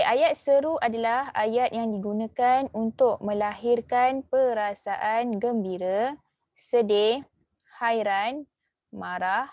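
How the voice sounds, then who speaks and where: A woman with a Malaysian Malay accent teaching a lesson, filling her talk with "okey" and "ha" and repeating key words slowly. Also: a little high, darkish tone, no echo, lo-fi sound. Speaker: religious school teacher. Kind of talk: online class lesson.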